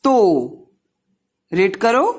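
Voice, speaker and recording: A woman's voice: mid-range voice, very animated, drawn-out words, darkish tone. A woman teaching young children a Hindi lesson, sounding out each syllable patiently and mixing in English words.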